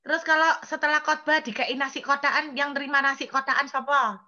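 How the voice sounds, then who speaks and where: A stern, teasing God who scolds through pointed rhetorical questions, with a bright, edgy voice lifted a little higher, as a woman preacher acts him out in her sermon. The recording sounds dull and lo-fi. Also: fairly even intonation, brisk. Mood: probing.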